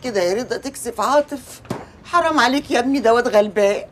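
An actress playing a soft, coaxing mother in a TV comedy, affectionate and pleading. Her voice sits a little high, she talks quickly in a broad Egyptian Arabic accent, and faint room sound hums behind her. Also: a little hiss or hum, close to an everyday voice. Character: soothing mother of the household. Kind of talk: TV comedy drama acting.

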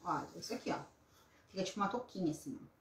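A woman's voice: lowish voice, rapid-fire. A woman, casually hosting a live craft tutorial. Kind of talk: casual live craft demonstration with chat greetings. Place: small indoor craft room at a table. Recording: roomy echo, some background noise, clicks.

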